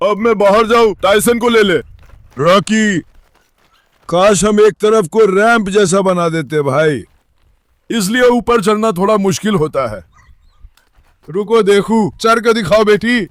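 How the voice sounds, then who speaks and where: High-voiced man coaxing his dogs. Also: measured pace, pauses often, no room sound. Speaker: vlogger with dogs. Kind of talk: casual vlog talk.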